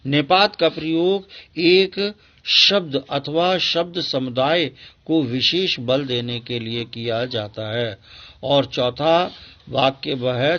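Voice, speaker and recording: A man's voice: medium pitch, fairly bright tone, muffled recording. A male school teacher giving a patient grammar lesson to children, repeating each example sentence and explaining it step by step.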